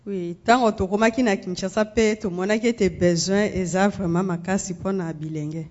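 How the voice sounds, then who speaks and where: A woman from Congo, a guest speaking in measured phrases and pausing for an interpreter in a church. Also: medium pitch, fairly even intonation, darkish tone, muffled recording. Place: church sanctuary.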